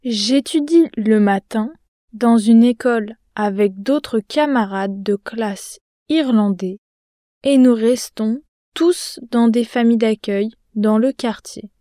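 Actress as a calm young student in a language-lesson dialogue, slow and mellow, dry studio sound. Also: female voice, on the high side, dry recording. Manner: slow, careful, clearly articulated.

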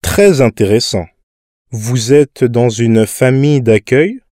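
Man playing a slow, polite park stranger. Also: mid-range voice, lively intonation, warm tone, no room sound, clean studio sound. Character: friendly man chatting in a park. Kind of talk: scripted language-lesson dialogue.

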